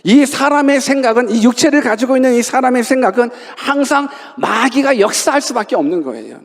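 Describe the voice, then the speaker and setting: A male pastor delivers a sermon in a church sanctuary, acting out quotes and firing rhetorical questions at the congregation. His voice is high and swoops widely. A long hall reverb trails every phrase. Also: a little fast. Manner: animated, acts out quotes, asks rhetorical questions.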